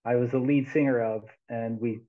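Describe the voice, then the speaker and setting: An American guest musician in his sixties chats in a casual video-call interview through headphones, on a thin, phone-quality line. His voice is medium-pitched and fairly even at a moderate pace, and he rambles, laughs a lot and restarts often.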